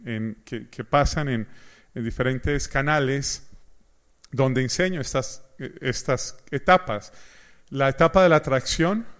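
A male pastor preaching to a congregation, telling personal stories with lively asides and questions to the audience. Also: medium pitch. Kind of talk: sermon.

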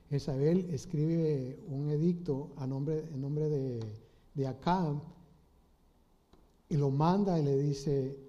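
A man preaching an informal sermon, retelling a Bible story in a halting way with many restarts and rhetorical questions. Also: fairly high pitch, mellow. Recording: slightly dull lo-fi audio.

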